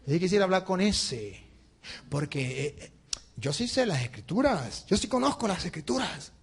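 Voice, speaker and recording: A man's voice: high-pitched, normal speed, husky. A male priest preaching a sermon, telling a humorous story with laughter and imitating the people in it. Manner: animated, laughing, mimics others in anecdotes.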